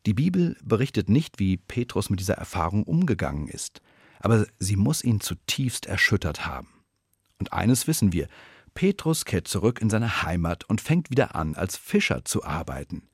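A man retelling a Bible story as a devotional reflection, in a storytelling manner with slow, weighty pauses. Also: lowish voice, sing-song, breathy edge, dry recording, studio quality. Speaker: preacher.

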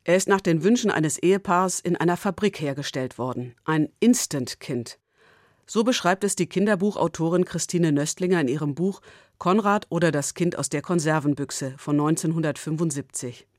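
A woman giving a scripted, reflective devotional talk. She tells a story in a calm, measured way and turns quiet and personal when she reflects. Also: low voice, dry recording, clean studio sound. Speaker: speaker of a short devotional.

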